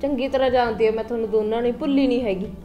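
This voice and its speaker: A woman's voice: on the high side, fairly even intonation, rapid-fire, muffled recording, faint music behind, lightly acted. A young woman playing a stubborn wife who sulks and snaps back at her husband. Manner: sulky, retorting.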